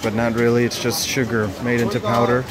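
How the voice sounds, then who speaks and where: A man's voice: mid-range voice, completely flat delivery, a little fast. A man in his thirties vlogging casually from a phone held at arm's length as he walks through a market and streets, playful and chatty. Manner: playful, chatty, jokey asides. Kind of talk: casual travel vlog chat. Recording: loud street and traffic noise.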